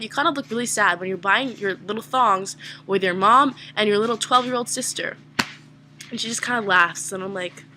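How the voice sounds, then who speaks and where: A woman's voice: medium pitch, bright, forceful tone, slight background noise. A young woman vlogger telling an embarrassing story in a casual, self-mocking, rambling way.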